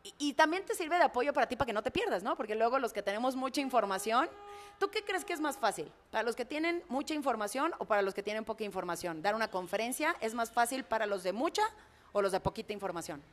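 Woman, Mexican accent, public speaker, expressive storytelling, frank colloquial speech, fairly high voice. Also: fast talker, a little hiss or hum. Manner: expressive, imitates heartbeats and screams. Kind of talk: animated storytelling in conversation.

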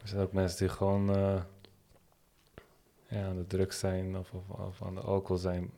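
Guy interviewer, low voice, casual chat in dutch street slang. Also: completely flat delivery, normal speed, vocal fry, mellow.

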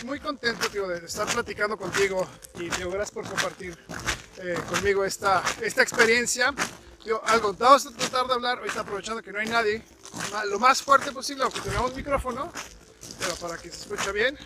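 High-voiced chatty man walking in snow. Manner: chatty, frequent fillers and restarts. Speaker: podcast host. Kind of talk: casual interview chat. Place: outdoors walking in snow in winter. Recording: outdoor recording with crunching snow noise.

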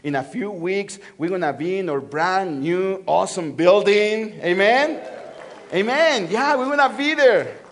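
In a high voice and at a slightly slow pace, a male pastor from Mexico City preaches in church with a Mexican Spanish accent. His sermon relies on call-and-response, repeating phrases as his volume swings from loud to soft.

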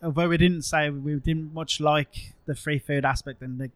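A man's voice: fairly high pitch, steady tone, dry recording. A man hosting a casual food chat in an easygoing, agreeable way. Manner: easygoing, quick to laugh and agree. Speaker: podcast host, food blogger.

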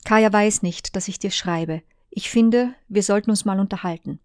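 A woman's voice: mid-range voice, moderate pace, a little mellow, no room sound, studio quality, lightly acted. A woman reading the written messages of a man who is upset about his partner, voiced plainly and urgently. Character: Joe, a distressed man in love.

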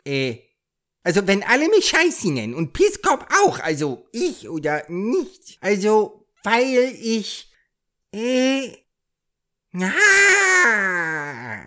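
A woman voicing a dim-witted, cheerful male squirrel in an audio story, talking in a slow, confused, rambling way. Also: sing-song. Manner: confused, slow and rambling, wildly swooping pitch. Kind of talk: audio story character acting.

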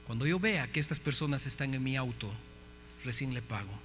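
Man, pastor, sermon storytelling, bright voice, faint hum behind. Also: mid-range voice, brisk. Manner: animated storytelling, acting out dialogue. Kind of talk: sermon testimony. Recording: hall reverb, faint hum.

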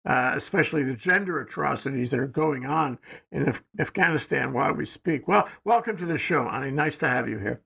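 A man hosting a talk show, interviewing a guest over a remote call in a halting, rambling way full of fillers. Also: medium pitch, lively intonation, vocal fry, pushed and bright, slightly rough, low-quality recording. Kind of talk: casual interview. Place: studio in Hawaii.

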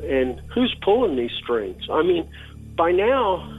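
A husky man telling an old story in a halting way, pausing for fillers and starting sentences over. His voice comes through a narrow, phone-like line with faint music underneath. He speaks as a retired detective looking back. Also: on the high side, very animated. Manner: halting, with many fillers and restarts. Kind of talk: interview recollection. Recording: phone-like interview recording.

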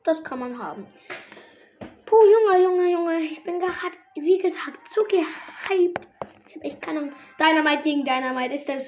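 High-pitched girl gamer yelling at her match, kinda muffled lo-fi mic. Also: a little hiss or hum. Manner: excitable, reacts loudly to the game. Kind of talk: gameplay commentary.

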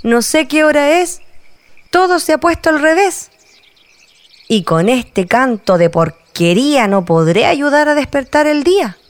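A woman voicing a flustered rooster father in a storybook, loud and frantic. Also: sits high, lively intonation, measured pace, no echo, voice pushed up.

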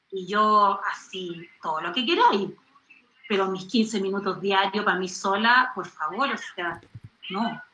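A middle-aged Chilean woman in a studio interview, animated, exclaiming and acting out little voices as she talks. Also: mid-range voice, echoey room, rough recording. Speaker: singer and comedian guest.

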